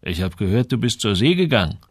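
Man performing a hesitant butcher near sixty, slow, audiobook role, dry sound. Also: fairly low pitch, sing-song, breathy edge, dry recording. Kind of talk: audiobook character voice.

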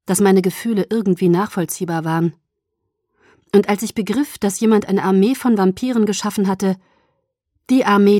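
A woman reading an audiobook in the first person, with calm, even storytelling. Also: medium pitch, no echo, clean studio sound. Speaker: audiobook narrator.

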